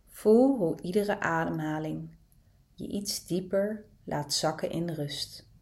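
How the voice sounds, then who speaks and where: A woman leads a guided meditation in a calm, soothing voice. Her voice sits low, and she moves at an unhurried pace, letting long pauses open up between each gentle instruction.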